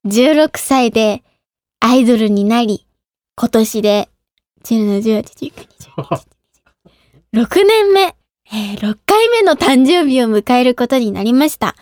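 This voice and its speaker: A woman's voice: fairly high pitch, expressive, unhurried, darkish tone, no echo, clean studio sound. A woman in her twenties hosting a radio show in casual, giggly talk, often laughing at herself. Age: 20s. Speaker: radio show host and idol.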